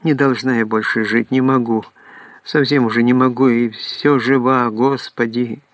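A man's voice: medium pitch, steady tone, moderate pace, natural voice. A man reading an audiobook voices an aging woman who laments that she is in everyone's way. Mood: lamenting. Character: aging woman, self-pitying and weary.

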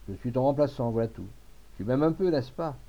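A man's voice: mid-range voice, lively intonation, a little fast, dark tone, natural voice. A man voicing a grave, firm former convict. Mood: earnest. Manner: firm, urgent, earnest. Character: grave self-sacrificing former convict, a male mason. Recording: dull lo-fi recording.

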